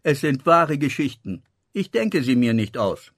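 A man's voice: medium pitch, sing-song, a little slow, no room sound. A nosy, pot-bellied innkeeper teases and pries in mock indignation, as a male narrator puts him on. The sound is close and dry. It is a storybook reading. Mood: defensive. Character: nosy paunchy male innkeeper, teasing and suspicious.

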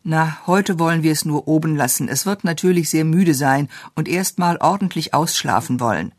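A stern father speaks in a calm, measured and firm way, as the storyteller reads him. The sound is close and dry, with no room around it. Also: mid-range voice, no echo, natural voice.

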